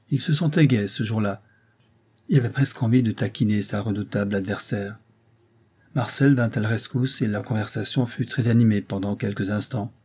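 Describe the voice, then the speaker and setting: A man reading a novel aloud as an audiobook narrator, in a measured, even storytelling manner. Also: lowish voice, breathy edge.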